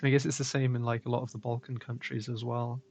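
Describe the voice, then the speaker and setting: A young man hosting a casual stream chat, rambling and relaxed, with lots of fillers and laughs. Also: mid-range voice, quick pace, vocal fry, husky. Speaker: stream host.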